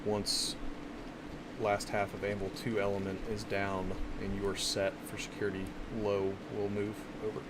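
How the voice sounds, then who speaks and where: A man with a low, flat voice gives clipped commands in military radio procedure. He leads a simulation game squad, and the recording is very noisy, with clicks and vehicle rumble. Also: normal speed.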